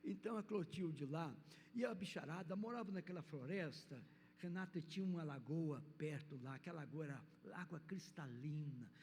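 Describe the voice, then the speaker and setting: This church speaker, an older man with a Brazilian Portuguese accent, wanders through a children's story in a storyteller's way while preaching. His voice is on the high side and a little mellow, at normal speed, amid the hall's reverb and faint noise.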